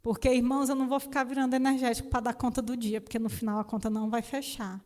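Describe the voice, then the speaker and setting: A Brazilian woman preacher giving an animated sermon with a personal testimony, often calling out to the congregation as brothers. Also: a little high, fast talker. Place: church hall. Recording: reverberant church hall.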